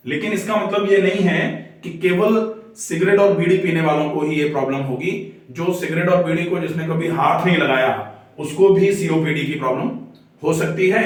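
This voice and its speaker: A male doctor explains a lesson patiently, one step at a time. His voice sits a little high, and he sounds set back from the mic. The room rings with a heavy echo. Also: distant mic. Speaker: doctor teaching a health lesson. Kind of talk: explanatory lecture drawing on a board. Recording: echoey room, voice from away from the mic.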